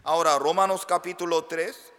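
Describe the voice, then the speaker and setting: A man preaching as a pastor, slow and emphatic with sudden loud rises. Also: a little high, fairly even intonation, big-room sound. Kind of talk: sermon.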